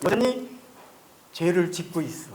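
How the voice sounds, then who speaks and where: A man's voice: high-pitched, lively intonation, unhurried, darkish tone. A male pastor preaching a Sunday sermon in a church, putting rhetorical questions to the congregation. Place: church sanctuary.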